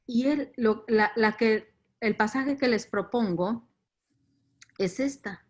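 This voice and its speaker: Speaking slowly in a slightly high voice, this woman gives a virtual teaching reflection on scripture as part of faith formation. She has a Latin American Spanish accent and a reflective manner, emphasizing key ideas and repeating words.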